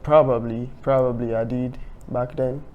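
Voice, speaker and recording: Flat-toned chatty male podcast host. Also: medium pitch, moderate pace, phone-quality sound. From Sierra Leone. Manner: easygoing, chatty, repeats himself. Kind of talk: casual interview conversation.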